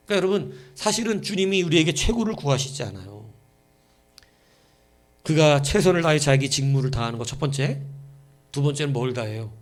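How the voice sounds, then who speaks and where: A male pastor preaching a late-night vigil sermon in a church, emphatic and full of rhetorical questions put to his listeners. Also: on the high side.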